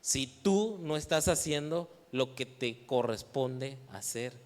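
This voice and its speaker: A man's voice: mid-range voice, animated, slow pace. A man with a Mexican Spanish accent preaching to a youth meeting, asking the audience questions, waiting for their answers and teasing them playfully. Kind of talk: sermon. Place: church hall. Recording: reverberant church hall.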